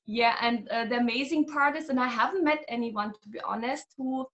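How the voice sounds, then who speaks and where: A German woman in her thirties, appearing as a guest healer, chats animatedly and laughs often in a casual video-call interview from a small room at home. Her voice is a little high, a bit bright and fairly quick, and the recording has its highs cut off.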